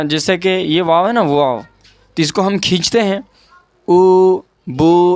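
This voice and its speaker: A man teaching Urdu grammar. His voice sits a little higher than most men's, and he goes over each point patiently, repeating key words and checking in with the listener. The recording is dry and close, with no room sound. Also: no echo. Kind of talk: explaining a lesson over an on-screen document.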